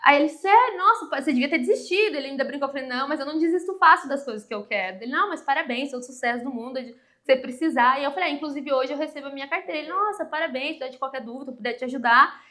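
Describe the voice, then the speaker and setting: A woman's voice: sits high, racing. A woman in her thirties from Brazil, telling a personal story as a podcast guest and acting out the voices of the people in it. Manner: animated, acts out dialogue in quoted voices.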